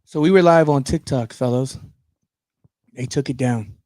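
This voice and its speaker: A man co-hosting a loose podcast, trading crude jokes in an easygoing way. His voice sits at an ordinary middle pitch. The sound is dry and close, with no room echo. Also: normal speed. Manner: crude, joking, bursts into loud laughs. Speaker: podcast co-host. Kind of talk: casual chat.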